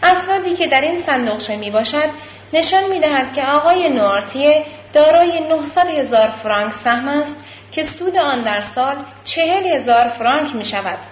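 A woman voicing a methodical male notary who questions in a measured, formal way. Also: high voice, expressive, slight background noise. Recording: slightly muffled lo-fi recording.

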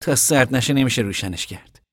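A man voicing a steady, practical young man who lays out plans in an audiobook reading. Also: medium pitch, dry recording, studio quality, pitched above the performer's own voice. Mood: reassuring. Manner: level-headed, explaining plans. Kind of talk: audiobook character voice.

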